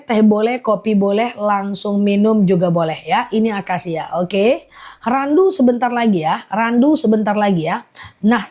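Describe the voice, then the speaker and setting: A woman's voice: fairly high pitch, darkish tone. A woman selling honey on a live stream, rattling off long repeated lists and urging viewers to buy. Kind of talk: live-stream sales pitch.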